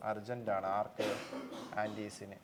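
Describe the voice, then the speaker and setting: A man's voice: lowish voice, little pitch movement, measured pace, noisy background. A young man with a Malayali accent teaching an online geography class for exam coaching, asking questions and answering them himself, with English phrases mixed in.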